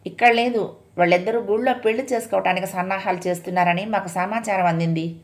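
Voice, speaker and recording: A woman's voice: mid-range voice, steady tone, fast talker, lightly acted. Woman doing a stern police inspector. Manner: firm, reproachful.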